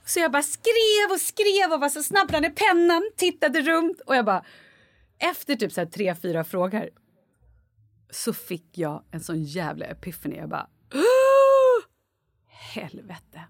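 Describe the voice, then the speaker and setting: A woman co-hosting a casual chat podcast, telling stories with a high, very lively voice. She acts out every quote with big leaps in pitch. The sound is dry and close. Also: no room sound. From Sweden. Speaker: podcast co-host.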